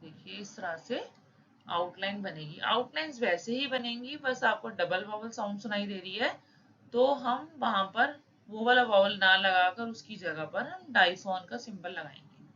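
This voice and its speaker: A woman's voice: mid-range voice, pushed and bright. Woman teacher. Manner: reads English rules slowly, then explains in mixed Hindi-English. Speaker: shorthand teacher. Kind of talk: explaining lesson with examples. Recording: slightly dull with faint noise.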